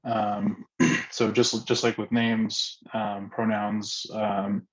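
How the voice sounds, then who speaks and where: A man's voice: on the low side, level tone, drawn-out words. A man leading an online class as a sociologist, talking in a hesitant way with many filler sounds over a video call. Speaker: sociologist facilitator. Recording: muffled video call audio.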